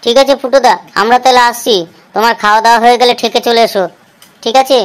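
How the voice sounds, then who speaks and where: A woman's voice: a little high, fairly even intonation, fast, pitched below the performer's own voice, lightly acted. A woman voicing a deferential young male lackey in a cartoon, eager to please his boss. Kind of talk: cartoon voice acting.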